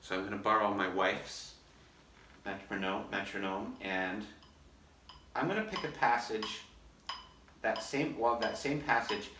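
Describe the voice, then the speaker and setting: A man, an orchestra concertmaster, calmly and methodically explaining his practice routine in a casual demonstration. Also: fairly low pitch, unhurried, pauses often, background noise. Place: practice room, filmed on a phone. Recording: echoey room, mic at a distance.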